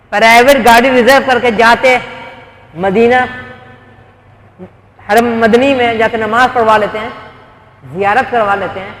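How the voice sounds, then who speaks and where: A man's voice: very high-pitched, a bit bright. A man preaching a sermon, telling stories with rhetorical questions and quoted dialogue. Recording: roomy hall with long echo.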